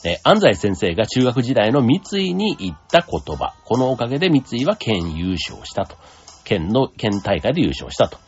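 A man hosting a casual solo talk show, relaxed and rambling with many fillers. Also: mid-range voice, moderate pace. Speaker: podcast host. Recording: dull lo-fi sound with faint music.

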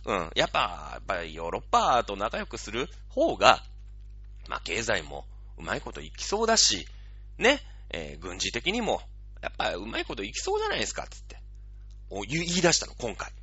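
A man's voice: lowish voice, huge pitch swings, fairly quick, bright, forceful tone, breathy edge, no room sound, dull audio. A man hosting a radio show, talking casually and explaining things with playful analogies.

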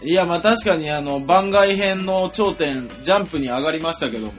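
A man with a husky voice, a comedian co-host, gives wordy, self-justifying explanations in comic banter. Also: a little high, fairly quick. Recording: dull lo-fi audio with music behind.

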